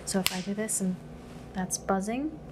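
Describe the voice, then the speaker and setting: A soft-spoken woman in an ASMR medical exam, acting as examiner and calmly explaining each step with gentle instructions. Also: mid-range voice, moderate pace, background noise.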